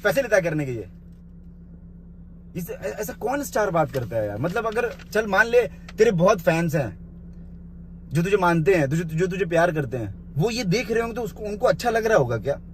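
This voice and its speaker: A man's voice: high voice, sing-song, moderate pace, a little hiss or hum. A man delivering a confrontational point-by-point rant to camera, bluntly scolding someone he addresses directly. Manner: scolding, addresses the listener with the blunt informal 'you'; point-by-point rebuttal. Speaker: vlogger responding to a rival's live video.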